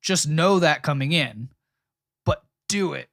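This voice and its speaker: A man's voice: on the high side, expressive, measured pace, vocal fry, fairly bright tone, no echo, studio quality. A young man co-hosting a podcast, giving earnest, emphatic advice on marriage and parenting. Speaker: podcast co-host. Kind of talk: casual chat about marriage and parenting.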